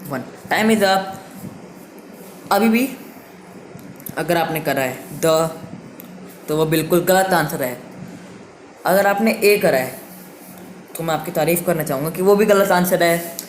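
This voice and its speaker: A man's voice: a little high, slow, pauses often. Man, teacher, online grammar lesson, repeats words patiently, echoey room, faint background hiss. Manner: patient, repetitive, drills words aloud.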